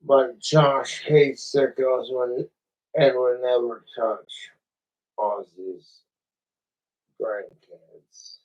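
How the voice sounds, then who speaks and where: A man's voice: mid-range voice, steady tone, very slow, pauses often, darkish tone. A man hosting a late-night livestream, rambling and swearing while he fights the hiccups. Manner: rambling and profane. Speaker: livestream host. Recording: distant, muffled lo-fi stream audio.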